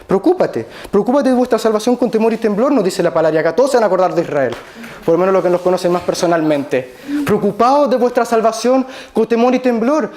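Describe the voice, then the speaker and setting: A man's voice: high-pitched, fast talker, darkish tone. Emphatic man preaching a sermon. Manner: emphatic, repeats key phrases; addresses the congregation directly.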